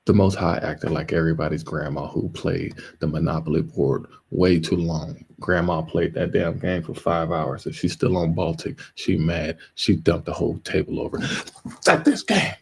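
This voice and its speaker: A man's voice: a bass voice, level tone, moderate pace, gravelly, few pauses, a little mellow, husky, poor audio. A man hosting a live stream, talking in a loose, rambling, joking way that often breaks into laughs. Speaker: livestream host. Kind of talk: casual livestream commentary.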